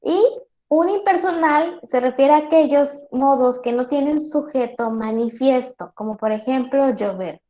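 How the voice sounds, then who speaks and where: A woman teacher giving a virtual class lecture, explaining slowly with many spoken examples and checking in with her students. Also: high voice, dark tone. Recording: roomy echo.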